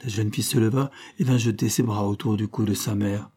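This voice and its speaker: A man reading a classic novel aloud as an audiobook narrator, in measured, steady storytelling. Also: lowish voice, husky. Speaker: audiobook reader.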